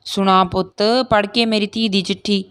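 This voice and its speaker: A grieving old village mother, tearful and pleading, speaking high and loud above a plain speaking voice, as a woman reading a play aloud puts her on. The delivery stays strained and emotional. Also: level tone, moderate pace, no room sound, close to an everyday voice. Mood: scolding. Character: middle-aged Punjabi village mother, grieving for daughter.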